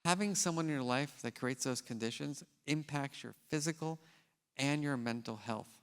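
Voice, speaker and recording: Man, keynote speaker, gravelly voice, lively casual storytelling, long theater reverb. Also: medium pitch, moderate pace. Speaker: scientist. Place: large theater stage.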